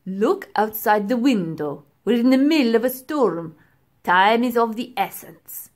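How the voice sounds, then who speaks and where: A woman's voice: on the high side, animated, unhurried. Woman voicing a stern scolding old professor. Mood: stern impatient. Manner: sharp, commanding, belittling.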